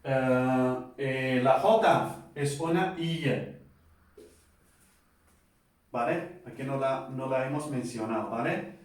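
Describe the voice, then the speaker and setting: Man, unhurried casual teacher, heavy room echo, distant mic. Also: mid-range voice. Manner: relaxed and chatty, checks in with "¿vale?" and repeats sounds slowly. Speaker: language teacher. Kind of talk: casual video lesson on pronunciation.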